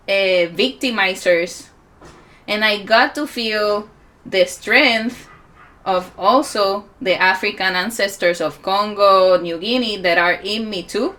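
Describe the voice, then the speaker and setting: A woman in her forties with a Puerto Rican accent, giving a reflective conference talk with many pauses. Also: mid-range voice, sharp tone. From Puerto Rico. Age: 40s. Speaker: musician and healer speaking at a conference.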